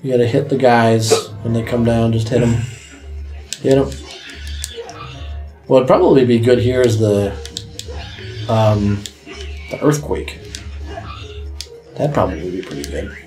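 Mellow-voiced young man commenting on a game. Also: medium pitch, unhurried, long pauses, soft background music. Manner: laid-back, swears, guides the player. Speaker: let's play host. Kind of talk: casual gameplay commentary.

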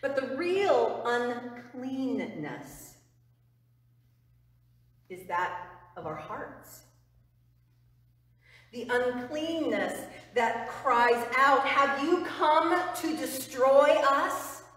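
A middle-aged woman pastor giving a sermon in a church sanctuary, earnest and emphatic, dropping to a hush on key phrases. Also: high voice, expressive, very slow, long pauses. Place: church sanctuary before the altar. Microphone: far camera. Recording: roomy church reverb, far from mic.

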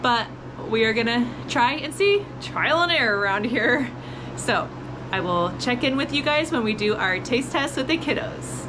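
A woman's voice: on the high side, animated, moderate pace, background noise. A woman in her thirties hosting a casual home vlog, talking to camera in an upbeat, chatty way from her kitchen. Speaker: vlogger, host of a home freeze-drying channel.

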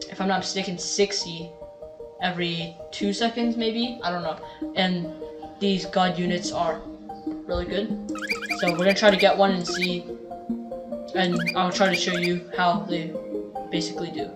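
A woman hosting a coding channel, casually walking through her clicker game demo, rambling and correcting herself as she guesses at numbers. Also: on the low side. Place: at a computer, screen recording. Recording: roomy echo with loud game music.

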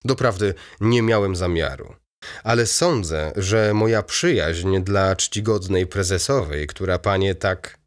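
A man reading an audiobook voices a fussy, excitable aging male baron in a raised, eager, chattering manner. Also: low-pitched, a little slow.

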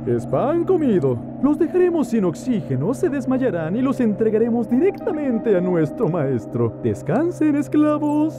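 A man voicing a menacing, taunting skeleton henchman in an animated horror parody. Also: very high-pitched, moderate pace, few pauses. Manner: taunting, commanding. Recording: loud music behind.

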